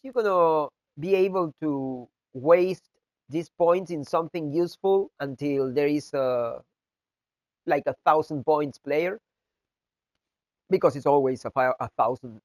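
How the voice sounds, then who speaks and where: Sick with the flu, a video game content creator talks through a casual gameplay tutorial in a nasal, congested voice of fairly high pitch. English isn't his first language, and he speaks slowly and haltingly, with many fillers and restarts. There's no echo.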